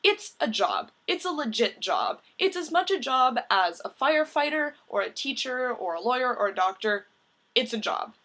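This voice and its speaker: A woman's voice: sits high, very animated, normal speed, pushed and bright. A young woman talking straight to camera in a casual vlog, earnest and emphatic, with the odd swear word. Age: young adult. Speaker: vlogger.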